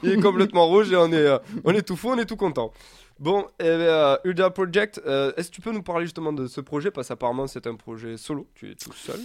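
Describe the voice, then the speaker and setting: A man's voice: on the high side, lively intonation, fast talker, no echo, studio quality. A man hosting a casual radio show, joking and teasing his guest in a chatty way.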